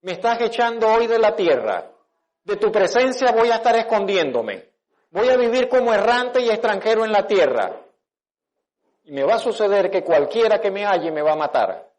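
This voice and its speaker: Man reading as a cursed murderer who begs and laments, voice pitched a little high and pushed louder. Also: big pitch swings, normal speed, low-quality recording. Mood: pleading. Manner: pleading, lamenting. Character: frightened pleading biblical man, a cursed murderer.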